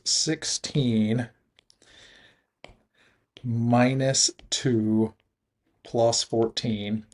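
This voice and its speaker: A man teaching a recorded math lesson, talking through the steps in a relaxed way and chuckling at his own slips. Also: mid-range voice.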